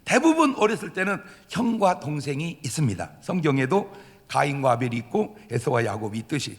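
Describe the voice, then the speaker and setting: A man preaching a Sunday sermon as pastor, who acts out crying children while he speaks. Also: a little high. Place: church sanctuary. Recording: church hall reverb.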